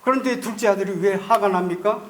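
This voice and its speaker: A man's voice: sits high, fairly quick. A male pastor preaching a Sunday sermon in a church, putting rhetorical questions to the congregation. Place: church sanctuary.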